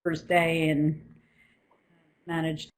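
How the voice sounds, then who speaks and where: A speaker in a virtual board meeting, mid-pitched and steady. The speaker lays out procedure slowly and deliberately. The audio has the plain sound of a video call. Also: rough recording. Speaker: conference board member. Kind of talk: online meeting discussion.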